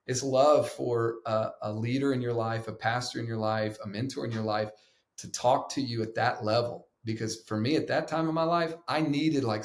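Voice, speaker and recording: An animated man in the middle of his range tells stories with emphasis and swings his voice to act out what others said. His voice carries a roomy echo. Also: medium pitch. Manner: animated, emphatic, acts out quotes. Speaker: podcast guest, pastor. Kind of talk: conversational storytelling.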